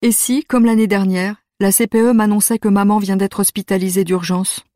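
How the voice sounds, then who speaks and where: A woman's voice: mid-range voice, steady tone, moderate pace, warm tone, no room sound, studio quality. Woman reading a youth novel aloud. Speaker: audiobook narrator. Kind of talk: scripted narration of a youth novel.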